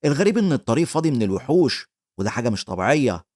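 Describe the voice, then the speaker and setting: A man with an Egyptian Arabic accent voicing a curious, excitable female investigator in a storybook recap. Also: mid-range voice, very fast, close to an everyday voice. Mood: excited.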